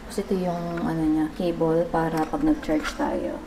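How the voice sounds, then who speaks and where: A woman's voice: deep voice, level tone, moderate pace, gravelly, noisy background. A Filipino woman with a stuffy cold, casually unboxing and testing a wireless lavalier mic for her vlog at home, chatting and repeating hellos. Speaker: vlogger reviewing a microphone. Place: home room with an electric fan. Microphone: phone with wireless lavalier.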